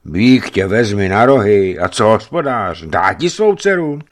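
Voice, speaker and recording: A man's voice: fairly low pitch, big pitch swings, voice pushed up. A man voicing a blunt, teasing male foreman of a trading party, in a raised, emphatic dialogue voice.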